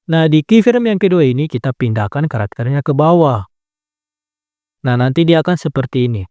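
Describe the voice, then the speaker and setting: Talking fairly quickly in a voice on the high side, a man guides viewers through editing a video on a phone, one step at a time. The recording is dry, and his calm instructions are peppered with "nah" and self-corrections.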